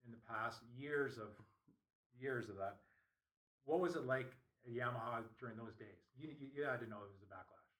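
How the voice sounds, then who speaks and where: A man's voice: medium pitch, normal speed, a bit bright. A man hosting an interview, asking long, rambling questions full of fillers. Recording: voice distant from the mic.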